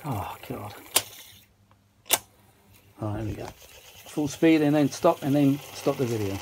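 A British man who repairs vintage audio and makes videos mutters casual, self-mocking, meandering commentary while working at an indoor bench. He speaks a little slowly at medium pitch, with steady machine noise in the background.

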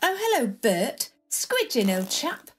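A woman's voice: on the high side, sing-song, takes it slowly, slightly rough, soft background music, exaggerated voice. A woman voicing a posh older lady full of old-fashioned slang. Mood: chatty. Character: plummy upper-class woman Rose, tired.

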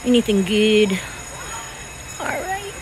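A woman's voice with a middling pitch, chatting to her viewers and rambling from one thing to the next as she walks through a big store. Store noise sits clearly behind her. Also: big pitch swings, takes it slowly. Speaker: vlogger. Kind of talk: casual chat while shopping. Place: large store.

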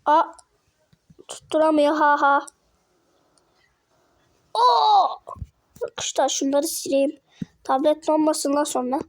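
A woman's voice: high-pitched, slow pace, long pauses. A woman giving playful, slangy gameplay commentary, yelping, giggling and voicing the fighters. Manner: excitable, slangy, yelps and giggles. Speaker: gameplay narrator.

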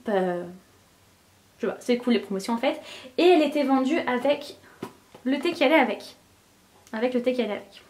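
A young woman from France, chatting enthusiastically in a home vlog about her gifts, gushing and full of fillers. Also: a little high. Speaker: beauty vlogger. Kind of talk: casual vlog chat.

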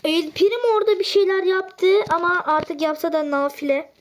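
Very high-voiced woman, excitable gamer, narrates her own match live, quick to get exasperated. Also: a little hiss or hum. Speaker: gaming channel host. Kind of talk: live gameplay commentary.

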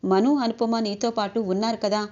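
A woman's voice: fairly high pitch, steady tone, normal speed, dark tone, lightly acted. A woman voicing a protective middle-aged man who firmly insists on caring for his younger brother. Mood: insistent. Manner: firm, pleading, insistent. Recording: dull lo-fi recording.

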